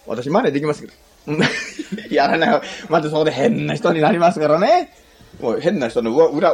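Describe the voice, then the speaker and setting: A man preaching a sermon in a chatty, humorous way, often asking his listeners questions. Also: on the high side. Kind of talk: sermon to a congregation.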